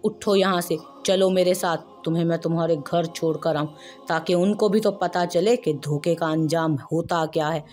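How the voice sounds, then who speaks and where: A woman's voice: fairly low pitch, fairly even intonation, normal speed, a little mellow, soft background music, natural voice. A woman voicing an angry young husband in a storybook reading, curt and commanding. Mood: bitter.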